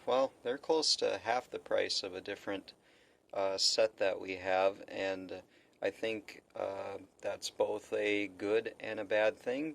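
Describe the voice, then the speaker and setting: With faint noise behind him, a man with a gravelly, fairly low voice gives an unscripted, casual gear review. He's a product reviewer who hesitates and thinks out loud as he goes.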